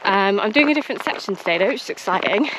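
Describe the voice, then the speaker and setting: A woman's voice: medium pitch, lively intonation, very fast. A young British woman chatting casually to camera while out on a run outdoors. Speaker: running vlogger. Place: outdoors on a frosty countryside trail. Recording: noisy outdoor audio with clicks.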